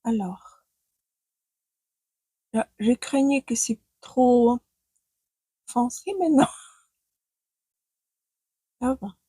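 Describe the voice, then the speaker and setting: A Ukrainian beauty vlogger, speaking a language other than her native one (not French) with a Ukrainian accent, chats casually to camera while doing her makeup in a daylit room at home, hesitating and thinking aloud. Her voice is on the high side but dark and breathy, very slow with frequent pauses, and the audio is poor though free of echo.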